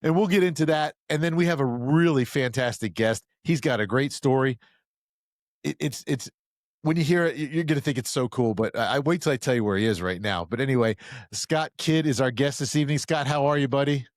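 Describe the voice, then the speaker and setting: A man's voice: medium pitch, no echo, studio quality. Chatty joking male podcast host. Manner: chatty, joking, quick storyteller. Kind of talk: casual interview chat.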